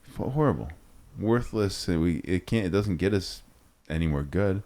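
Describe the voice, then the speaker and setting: A man's voice: low voice, expressive, moderate pace, darkish tone. A man co-hosting a discussion podcast, explaining ideas in a coaching way. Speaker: podcast co-host. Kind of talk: casual discussion.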